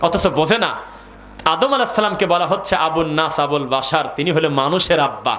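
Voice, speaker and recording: A Bangladeshi man delivers a sermon at a religious gathering. His voice sits high and sounds bright and cutting. He keeps quizzing the listeners and drops into recited Arabic verses. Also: animated, brisk. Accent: Bangladeshi Bengali. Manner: call-and-response with the crowd, reciting Arabic verses. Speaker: preacher.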